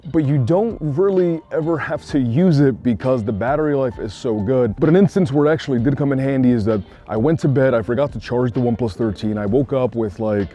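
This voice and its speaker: A Puerto Rican tech reviewer gives a casual, conversational product review, constantly slipping "like" into his sentences. His mid-range voice is warm and brisk, with few pauses.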